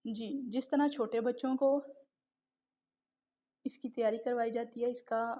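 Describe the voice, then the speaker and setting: A woman with a fairly high voice teaches recitation in a live online class. She explains patiently, stretches out letter sounds to demonstrate them, and keeps checking that her students follow. The sound is dull and lo-fi, like an online stream. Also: steady tone, mellow. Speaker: tajweed teacher.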